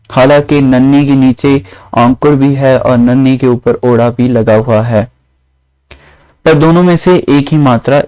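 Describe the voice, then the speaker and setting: Calm man teaching scripture grammar. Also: mid-range voice, no echo, low-quality recording. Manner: slow, explanatory, repeats phrases with synonyms. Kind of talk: religious grammar lesson.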